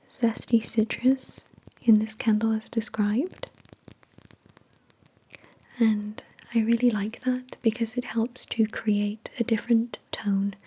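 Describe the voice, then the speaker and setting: A woman hosting an ASMR product review in a soft, breathy whisper, with an unhurried, measured delivery. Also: medium pitch, rough recording. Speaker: ASMR video host.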